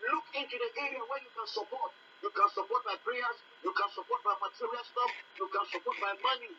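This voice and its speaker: Preacher for fundraising sermon: medium pitch, intensely bright and tense, emphatic repeated appeals, muffled lo-fi capture with slight noise. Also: fairly quick. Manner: emphatic, repetitive exhortation. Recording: distant mic, dull lo-fi, faint noise.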